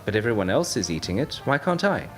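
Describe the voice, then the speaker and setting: A man's voice: on the low side, very animated, fast talker, music in the background. A man voicing a naive, trusting young woman. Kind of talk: audiobook narration.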